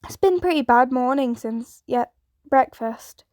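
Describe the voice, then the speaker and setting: A teenage boy hero who keeps his tone casual while stress slips through, as a woman reads him out. The voice is high and bright in pitch, recorded dry and close. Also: measured pace, dry recording. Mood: tense. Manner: tense, trying to sound casual.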